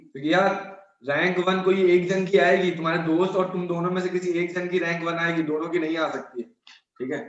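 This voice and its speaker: A male chemistry teacher lecturing students in a chatty, scolding way, repeating his points. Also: fairly high pitch. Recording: echoey room, dull sound.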